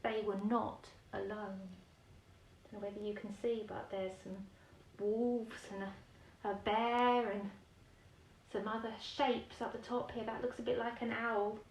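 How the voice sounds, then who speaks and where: A storyteller reads a children's picture book at bedtime in a voice on the high side, darkish in tone, level, and at a measured pace. She is expressive, offering chatty explanations and questions to young listeners. There is slight background noise, a roomy echo, and a distant mic.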